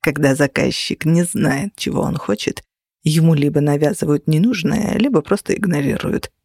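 Phoenix: a reader's lowered sneering young man. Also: vocal fry, breathy edge, no room sound, clean studio sound. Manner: sneering, quiet and unhurried threats. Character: mocking menacing young man, cruel teaser. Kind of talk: audiobook character voice.

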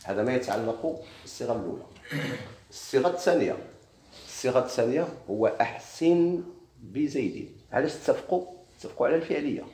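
Moroccan guy teaching grammar, talks quick, keeps quizzing the class, roomy echo. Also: mid-range voice, animated, mellow. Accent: Moroccan Arabic. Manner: explains step by step, quizzing students with questions. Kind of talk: classroom lesson.

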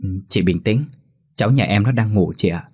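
A man's voice: lowish voice, moderate pace, darkish tone, slightly rough. A man voicing an anxious village mother who frets and scolds, in a spoken ghost story. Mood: worried. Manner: scolding, fretful. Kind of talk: horror story reading.

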